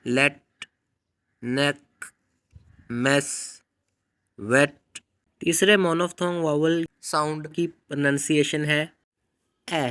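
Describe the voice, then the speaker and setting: A middle-aged man teaching students, speaking deliberately, addressing them directly and drilling example words one at a time. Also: on the high side, fairly bright tone, smooth. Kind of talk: explaining phonetics to students.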